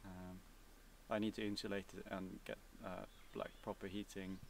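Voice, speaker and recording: Young Swedish-accented man, casual and halting, level low delivery, recorded outdoors from a few feet away. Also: vocal fry, recorded from a distance, slight background noise. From Sweden. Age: young adult. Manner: relaxed, hesitant, many fillers and restarts. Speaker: vlogger. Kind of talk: casual Q&A answers. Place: outdoors, seated on a cabin bench by woods.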